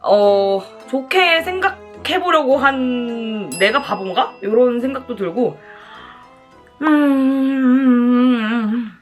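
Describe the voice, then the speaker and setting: A woman's voice: fairly high pitch, drawn-out words, soft background music. A woman chatting casually to viewers as a mukbang host, talking between bites while she eats.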